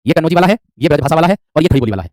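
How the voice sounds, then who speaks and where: A man's voice: a little high, animated, rapid-fire, a little mellow, dry recording, clean studio sound. A man teaching Hindi dialects in an online class, repeating points and quizzing his students. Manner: repetitive, quizzing, calls students "my friend".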